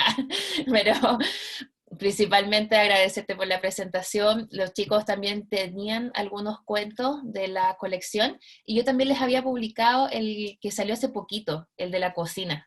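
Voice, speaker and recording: A woman, a chemistry teacher, moderating a video-call talk and inviting questions in a friendly way. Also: mid-range voice. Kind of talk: casual classroom moderation.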